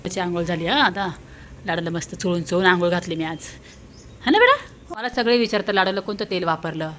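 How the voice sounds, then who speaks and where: A woman from Maharashtra talks to her viewers at home, walking them through her chores step by step. Her voice sits a little low for a woman. Light background noise runs under the recording. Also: fairly even intonation, fast talker, a bit bright. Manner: chatty, homely, explains step by step to viewers. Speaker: vlogger and mother. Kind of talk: casual vlog narration to viewers.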